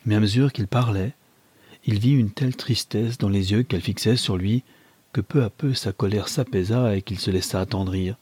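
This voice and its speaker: A man reading a novel aloud in measured, even narration. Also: lowish voice, slightly rough, no room sound.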